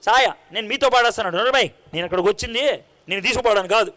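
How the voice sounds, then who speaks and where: A man preaching, acting out a calm teacher figure who speaks gently and reassuringly. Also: high-pitched, racing, pitched below the performer's own voice.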